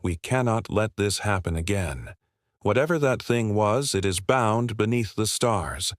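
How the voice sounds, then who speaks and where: A man's voice: on the low side, lively intonation, a little slow, dry recording, clean studio sound. A man voicing a stern, burdened celestial woman, the eldest sister, in an epic fantasy story, grave and commanding. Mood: steady, heavy.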